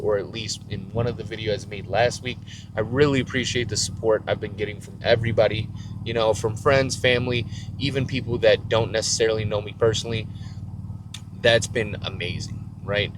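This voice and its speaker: A young man, a bodybuilding vlogger, talking casually to camera in a rambling way, full of fillers and restarts. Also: fairly low pitch. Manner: rambling, fillers, self-described stuttering. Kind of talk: casual outro talk to camera. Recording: clear outdoor street noise behind.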